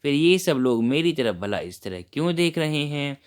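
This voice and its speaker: A man's voice: on the high side, big pitch swings, normal speed, clear, resonant tone. A man teaching a primary school worksheet lesson to children, friendly and explaining step by step.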